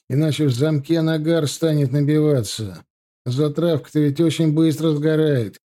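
A man voicing a gruff veteran sergeant, stern but caring, who grumbles and lectures. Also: on the high side, dark tone, natural voice. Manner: grumbling, instructive.

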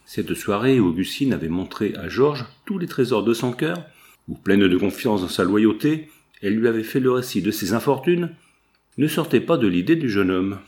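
A man narrates a classic novel in a measured, even storytelling way. His voice sits low for a man. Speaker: audiobook narrator. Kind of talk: scripted literary narration.

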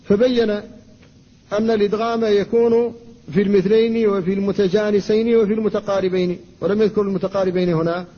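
A man, an Islamic scholar, giving a classroom lecture on Quran recitation. He explains rules at a measured teaching pace, recites verses slowly and stops to answer students. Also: high-pitched, little pitch movement. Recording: dull lo-fi lecture recording with faint noise.

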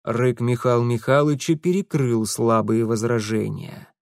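A man reading a storybook narration in an expressive, lively way. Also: medium pitch, moderate pace, creaky, no room sound, studio quality. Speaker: audiobook narrator.

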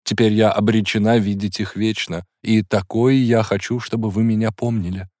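A man's voice: fairly low pitch, little pitch movement, normal speed, darkish tone, no room sound, studio quality, voice pushed up, close to an everyday voice. A man reading an audiobook, voicing a proud, tormented woman in an emotional, intense manner. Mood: anguished.

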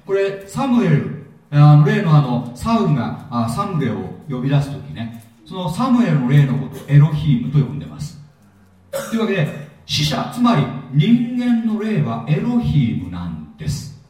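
A man lecturing a Bible seminar with a swinging, animated delivery and a mellow tone. He jokes and quizzes the audience as he goes. The sound is heavily echoey and picked up from some distance. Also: a little high. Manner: lively, jokey, asks the audience questions. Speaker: pastor and seminar teacher. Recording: echoey hall, mic at a distance.

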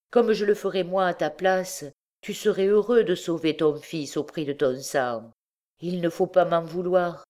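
A woman's voice: on the low side, mellow, pitched above the performer's own voice, close to an everyday voice. A woman reading a desperate pleading mother. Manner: pleading, emotional, breathless.

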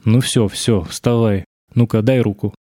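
A man voicing a male lecturer who speaks gently and quietly, calming a distressed girl. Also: lowish voice, a little slow, dry recording, clean studio sound. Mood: soothing. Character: male lecturer, soothing then strangely intent.

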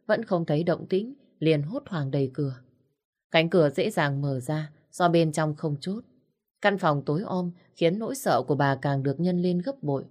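Low-voiced woman narrating a drama. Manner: measured, expressive reading. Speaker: storyteller.

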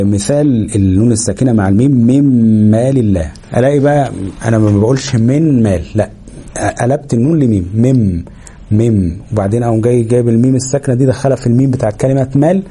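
A husky Egyptian man talks quickly through a recitation lesson. His voice is very dark and mellow. Every so often he slows right down to stretch a nasal hum and show how it should sound. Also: mid-range voice. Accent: Egyptian Arabic. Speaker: Quran recitation teacher. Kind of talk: explanatory lesson.

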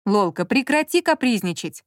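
A woman's voice: mid-range voice, normal speed, dry recording, studio quality, lightly acted. A woman reading an audiobook and voicing a curt, impatient man who scolds and teases his partner. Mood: irritated. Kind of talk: audiobook character voice.

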